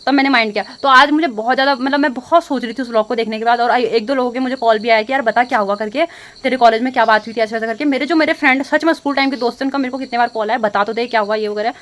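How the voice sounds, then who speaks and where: A young adult woman from India records an unscripted casual vlog, talking fast to her phone camera in a somewhat high, fairly bright voice. She sounds upset and rambles, often restarting sentences and filling gaps with hesitations.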